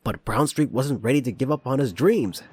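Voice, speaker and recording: A man's voice: medium pitch, moderate pace, darkish tone. A man narrating a parody of a children's train story in storybook style, with music behind him.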